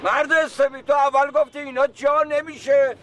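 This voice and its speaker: An actor playing a bitter tenant moving house, who complains indignantly. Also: male voice, very high-pitched, flat delivery, a bit bright, slight background noise. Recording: music score under dialogue.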